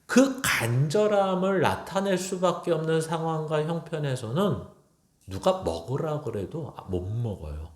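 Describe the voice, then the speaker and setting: A man's voice: fairly high pitch, sing-song, a little slow. A male pastor preaching a sermon to his congregation, often slipping into blunt, informal direct address. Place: church sanctuary. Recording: echoey church hall.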